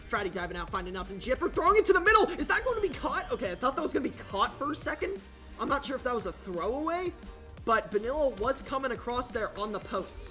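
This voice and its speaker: A man calling a video game football match play by play, casual and excitable, his voice jumping up on big plays. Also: sits high. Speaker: play-by-play commentator. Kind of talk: esports football commentary.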